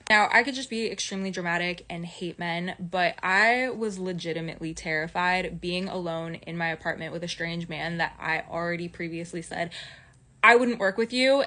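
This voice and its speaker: A woman telling a story as an animated rant, in casual, slangy, emphatic speech. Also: fairly low pitch. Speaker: esthetician telling a personal story.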